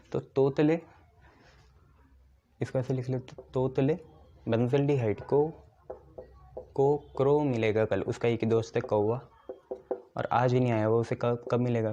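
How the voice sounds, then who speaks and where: A man teaching chemistry in a soft, mellow voice of middle pitch. He walks through each step, keeps checking that the class is following, and asks a question before giving the answer himself. The recording sounds dull and lo-fi. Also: slight background noise. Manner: explains step by step, often checks "ठीक है". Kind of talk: classroom lecture with memory tricks.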